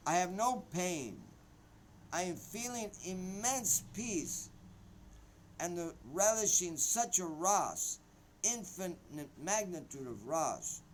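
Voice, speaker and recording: A man voicing a gentle devout young man who speaks in a calm, controlled way. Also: high voice, slight background noise, heavily acted, low-quality recording. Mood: tender. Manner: calm, controlled, softly devotional.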